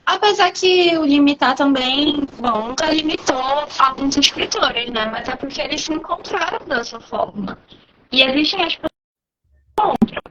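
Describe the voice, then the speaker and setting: A woman's voice: high-pitched, expressive, a bit bright, slight background noise. Brazilian woman explaining her writing, lo-fi. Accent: Brazilian Portuguese. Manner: reflective, explaining at length with frequent pauses. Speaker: guest poet. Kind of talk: live online interview.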